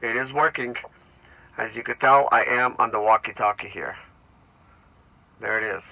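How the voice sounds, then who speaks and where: In a dry, poor-quality recording, a man in his thirties reviews a product in a casual unboxing chat, addressing viewers as "guys." His mid-range voice is sharp-toned with vocal fry, and he speaks at a moderate pace.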